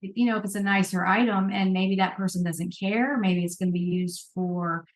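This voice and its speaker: A woman's voice: medium pitch, fairly even intonation, moderate pace, poor audio. A woman hosting a podcast, chatting casually and reassuringly about reselling, thinking aloud with fillers. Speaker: podcast host.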